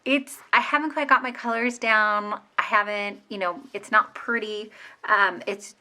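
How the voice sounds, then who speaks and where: A woman's voice: medium pitch, steady tone, measured pace, pushed and bright. A woman in her thirties chatting casually as she sets up her planner at home, rambling with fillers and restarts. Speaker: planner vlogger. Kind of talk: casual plan-with-me narration.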